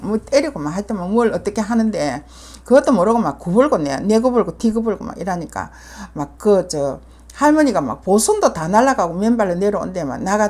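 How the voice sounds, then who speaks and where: An older woman with a Gyeongsang Korean accent, a shaman telling her own story in casual talk, full of fillers and acted-out lines. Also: medium pitch. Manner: vivid retelling with many fillers, acting out others' words.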